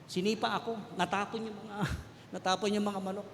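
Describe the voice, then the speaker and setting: High-voiced Filipino preacher in an echoey hall. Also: male voice, flat delivery, brisk, fairly bright tone. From Philippines. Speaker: preacher giving testimony. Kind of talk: sermon testimony. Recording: echoey hall with faint background noise.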